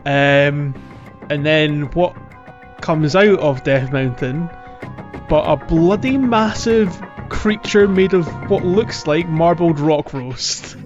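This man's voice is on the high side, and he takes things slowly as he hosts a podcast of casual, jokey game talk, chuckling easily. The recording sounds slightly muffled, with background music underneath.

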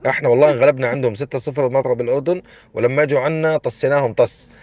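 A man's voice: mid-range voice, fairly even intonation, racing, darkish tone, dry recording, muffled recording. A man with an Omani accent chatting casually and colloquially about sport, full of opinions. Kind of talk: casual sports chat on radio. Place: radio studio.

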